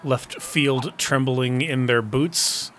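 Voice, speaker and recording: A man doing descriptive baseball play-by-play, narrating each pitch and play as it happens. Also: takes it slowly, a bit bright, soft background music. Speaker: baseball commentator. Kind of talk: baseball video game play-by-play commentary.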